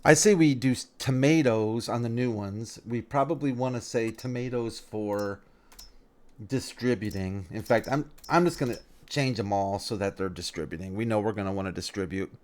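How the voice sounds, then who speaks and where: Rambling through a farming game let's-play, a man thinks aloud and frequently fixes his sentences partway through. His voice is on the low side and darkish, at a moderate pace.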